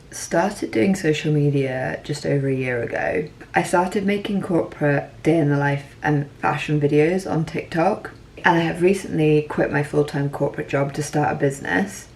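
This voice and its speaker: A woman in her late twenties from Scotland, chatting casually and warmly to viewers in a day-in-the-life vlog, recorded at home. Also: low voice, vocal fry. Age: late 20s. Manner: chatty, friendly, talks straight to viewers. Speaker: lifestyle vlogger.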